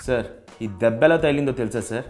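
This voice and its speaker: A man's voice: mid-range voice, very fast, a little mellow, soft background music. A young man, a bachelor tenant, earnestly persuading a house owner in a comedy sketch, saying "sir" again and again.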